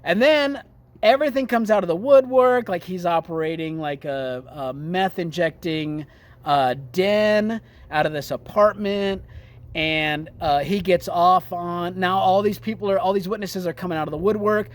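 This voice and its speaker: A man's voice: sits high, moderate pace. A man ranting sarcastically about current events in heated, profane commentary. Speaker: political commentary vlogger.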